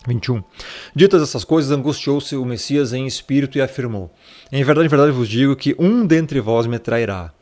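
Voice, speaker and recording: A man's voice: medium pitch, moderate pace, darkish tone. A man explaining scripture in a casual Bible study, talking conversationally and checking in with his listener as a brother. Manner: conversational, peppered with tag questions, addresses listener as brother. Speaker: Bible teacher.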